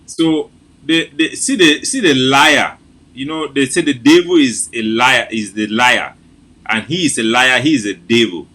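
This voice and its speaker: Bright, forceful Cameroonian man briefing in Pidgin. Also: mid-range voice, measured pace. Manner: animated, mocking, repeats himself. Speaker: host. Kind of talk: informal political briefing in Pidgin English.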